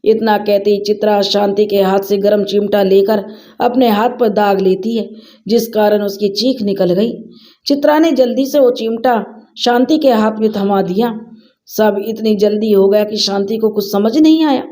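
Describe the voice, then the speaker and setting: A woman's voice: medium pitch, fairly even intonation, moderate pace, dark tone. Woman narrating a family drama story.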